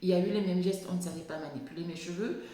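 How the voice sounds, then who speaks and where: A woman, talking casually and haltingly as she explains and tells anecdotes, often repeating words as she searches. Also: fairly low pitch, fairly even intonation, mellow. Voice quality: lisp on s sounds. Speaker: video blogger on natural hair. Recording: very echoey, reverberant room.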